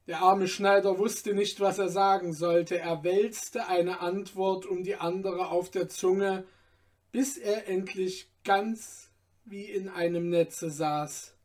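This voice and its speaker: Male fairy-tale narrator, slow, measured, calm, higher voice. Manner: deliberate, calm.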